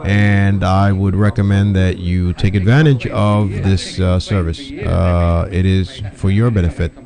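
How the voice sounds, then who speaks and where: A man hosting a local civic video show, talking informally and off the cuff in a halting, rambling way. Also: low-pitched, little pitch movement, creaky, a crowd in the background. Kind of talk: informal unscripted vlog commentary.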